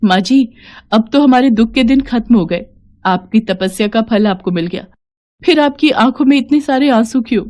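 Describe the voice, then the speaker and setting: A woman's voice: on the high side, normal speed, a little mellow, pitched above the performer's own voice, close to an everyday voice. A woman voicing a young daughter-in-law who becomes an arrogant government officer, by turns polite and sharply scolding. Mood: grateful.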